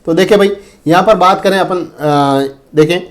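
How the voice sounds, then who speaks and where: A man teaching exam prep in a fairly high voice. He goes through each point slowly and repeats himself, calling the viewers friends and brother. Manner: repetitive, addresses viewers as friends and brother, often says "dekhen". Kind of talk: exam-prep lesson on Hindi spelling.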